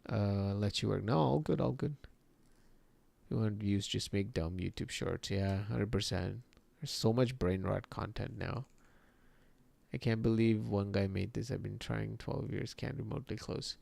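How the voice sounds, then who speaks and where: A man hosting a casual livestream, chatting in a relaxed, rambling way, reacting to viewer chat and laughing often. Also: lowish voice, normal speed, gravelly, no room sound. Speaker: livestream host and 3D artist.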